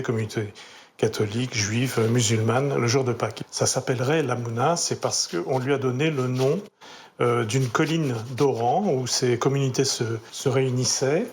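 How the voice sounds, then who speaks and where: A man from Algeria telling childhood memories in an interview, nostalgic and hesitant. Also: mid-range voice. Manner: nostalgic, unhurried storytelling with hesitations. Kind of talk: reminiscing interview.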